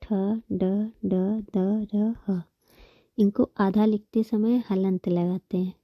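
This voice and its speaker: A woman's voice: mid-range voice, steady tone, drawn-out words, no room sound, muffled recording. A woman teaching a Hindi grammar lesson, patiently explaining terms, repeating them and counting examples aloud.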